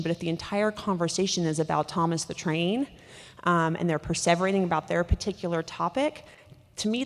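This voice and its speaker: A woman doctor gives a conference talk, rushing through her points with frequent fillers and restarts. Her voice sits low and has a gravelly edge. The sound carries a long reverb from a big hall. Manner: rapid, with many fillers and restarts. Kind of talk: conference lecture.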